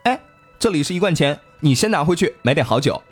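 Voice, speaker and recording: A man's voice: fairly high pitch, big pitch swings, quick pace, breathy edge, soft background music. A man voicing a forward, flirtatious mature woman in a folk tale retelling. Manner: teasing, inviting.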